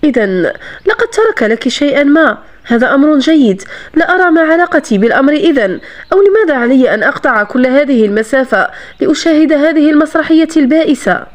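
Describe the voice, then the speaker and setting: A woman's voice: sits high, very animated, fast. A woman reading the part of a cold, mocking aristocratic man in a novel, with curt, sarcastic delivery.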